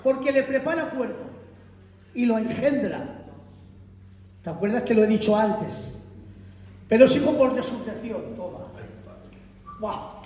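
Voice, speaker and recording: High-voiced man preaching in an echoey hall. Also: lively intonation, a little slow, long pauses, far from the mic, slight background noise. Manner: emphatic, dramatic retelling, calls on the congregation, bursts into shouts. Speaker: visiting preacher. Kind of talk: animated Bible teaching. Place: church hall.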